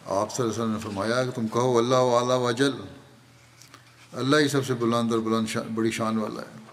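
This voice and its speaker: A man's voice: medium pitch, fairly even intonation. Man preaching in a reverberant hall. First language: Urdu. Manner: measured storytelling, slows down to recite Arabic phrases. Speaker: spiritual leader giving a Friday sermon. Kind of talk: sermon. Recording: long hall reverb, faint background noise.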